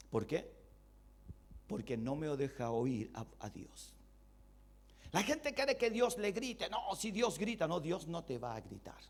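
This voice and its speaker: Male pastor teaching a Bible study, high voice with big swings, rhetorical questions to the room. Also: slightly rough. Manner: animated, rhetorical questions to the congregation; voices God's replies in a low voice.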